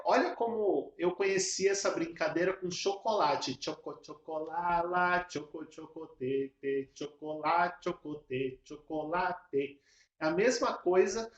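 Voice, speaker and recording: Echoey man teaching a children's game. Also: on the high side. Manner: explains step by step, chants rhythmic syllables. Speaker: music educator. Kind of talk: casual teaching video. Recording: echoey room.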